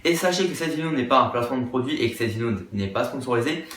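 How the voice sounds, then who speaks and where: A man's voice: mid-range voice, lively intonation, rapid-fire, a bit bright, roomy sound, slight background noise. A man presenting a casual tech explainer to viewers in an upbeat, chatty way. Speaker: tech YouTuber.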